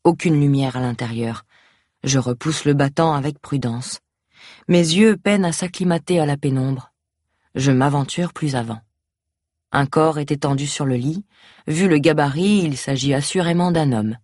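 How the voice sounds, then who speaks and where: A woman narrating a first-person audiobook in a wry, mocking, lively manner. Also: deep voice, normal speed, no echo, clean studio sound.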